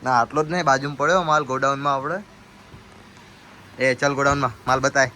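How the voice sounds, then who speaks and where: A man's voice: mid-range voice, steady tone, fairly quick, crowd noise, rough recording. A man running a small shop, chatting casually to his viewers and showing off his stock. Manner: chatty, keeps addressing viewers as guys. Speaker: shopkeeper vlogger. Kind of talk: casual vlog commentary.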